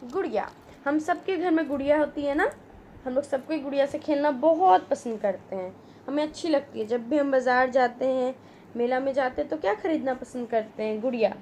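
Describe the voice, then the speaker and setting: A woman's voice: high voice, fairly quick, dark tone, a little hiss or hum. A woman teacher giving a children's reading lesson, asking simple questions and spelling words out patiently syllable by syllable.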